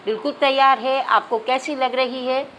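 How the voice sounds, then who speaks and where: High-voiced woman calmly demonstrating a recipe. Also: normal speed, a little hiss or hum, rough recording. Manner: addresses viewers as "nazreen" again and again, calm instructive. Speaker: cooking channel host. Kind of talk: step-by-step cooking demonstration. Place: home kitchen.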